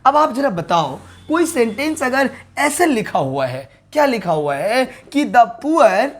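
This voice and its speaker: Man, teacher, online grammar lesson, asks whether viewers understood, repeats key terms slowly, classroom board. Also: very high-pitched, big pitch swings. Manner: keeps asking the viewers whether they understood.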